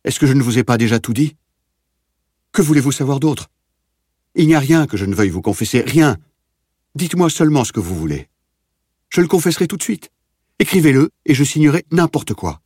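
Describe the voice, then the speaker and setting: A man voicing a starving, terrified male prisoner in an audiobook, begging desperately in a shrill voice. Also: animated, a little fast, few pauses, slightly rough, no room sound, clean studio sound. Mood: pleading. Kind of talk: audiobook reading.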